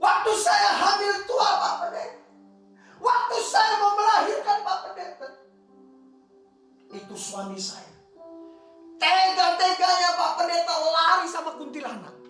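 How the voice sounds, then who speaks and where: A male pastor voicing a heartbroken middle-aged woman who wails and pleads in a high, strained voice, recorded far off in an echoey church hall. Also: very animated, measured pace, long pauses, bright, forceful tone, faint music behind, exaggerated voice. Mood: wailing.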